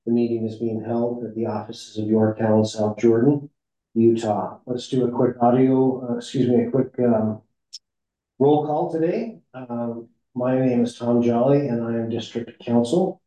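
A man serving as district counsel, chairing a formal board meeting in a measured way with frequent fillers, his voice heard over a remote call line that breaks up. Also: mid-range voice, warm tone. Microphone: remote call audio. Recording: muffled echoey call audio.

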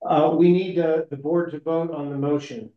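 A slightly high-pitched man with fairly even intonation, a district counsel, chairs a formal board meeting over a remote call line that keeps breaking up. His measured, procedural delivery is full of "uh" and "um" fillers, and the call audio sounds muffled and echoey.

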